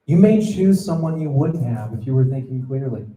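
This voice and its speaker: A man's voice: mid-range voice, expressive, moderate pace, mellow, a little hiss or hum. Guy preaching to students, chatty, keeps asking "right?", does the voices in his stories, echoey room. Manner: conversational, checks in with the audience. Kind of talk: sermon to students.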